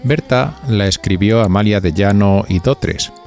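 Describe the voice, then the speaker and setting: At a measured pace, a man with a fairly low, creaky voice and a Spanish accent hosts a gossip podcast. Reading from a script, he sounds chatty and playful, confiding directly in the listener. Light music plays behind him.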